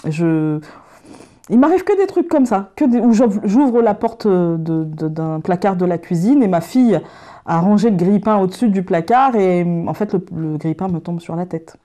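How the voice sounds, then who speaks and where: A woman's voice: mid-range voice, animated, normal speed, warm tone. A woman from Picardy with a light Picard accent, chatting to camera in a tag video, self-mocking and laughing often between fillers and restarts. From Picardy, France. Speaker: YouTuber doing a tag video. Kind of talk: casual chat to camera.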